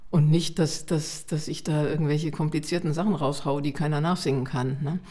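A middle-aged woman from Munich, Germany, a children's songwriter and singer, tells personal stories as an interview guest. Her voice sits low at normal speed, and she is chatty and expressive, acting out remembered remarks in animated storytelling.

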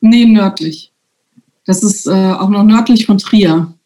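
Female guest, mellow tone, relaxed, hesitant conversational delivery. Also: medium pitch, a little slow. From Germany. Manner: relaxed, hesitant with many fillers. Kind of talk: casual conversation.

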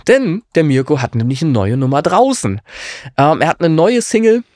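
A man's voice: a little high, sing-song, normal speed, a little mellow, dry recording, studio quality. A man hosting a music podcast, talking in an enthusiastic, colloquial way with plenty of fillers. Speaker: podcast host. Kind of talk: casual music podcast chat.

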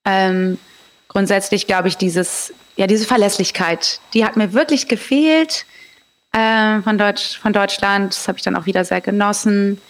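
German woman chatting as a guest, mid pitch, direct and candid, telling stuff casually. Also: measured pace. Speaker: interview guest. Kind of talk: casual conversational storytelling.

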